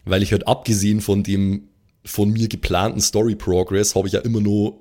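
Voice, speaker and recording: A podcast regular who runs tabletop games, this man has an Austrian accent and chats casually and reflectively in German peppered with English gamer terms. His voice sits on the low side and is warm, though his delivery is flat and fairly quick.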